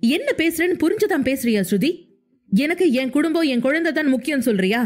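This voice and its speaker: A woman's voice: a little high, moderate pace, lightly acted. A woman voicing an angry, hurt young husband who argues in heated, insistent questions. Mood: angry pleading.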